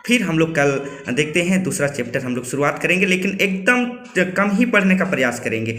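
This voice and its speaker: A man teaching a spoken language lesson, slowly and patiently repeating words and asking listeners to say them after him. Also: on the high side, animated, bright, forceful tone, roomy sound. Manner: slow, careful, patient, repeating words for learners.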